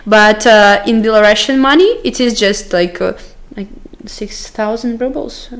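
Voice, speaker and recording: A woman with a Russian accent talks casually in a medium-pitched voice. She is a native Russian speaker and feels her way through English hesitantly, pausing to search for words. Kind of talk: casual English conversation practice.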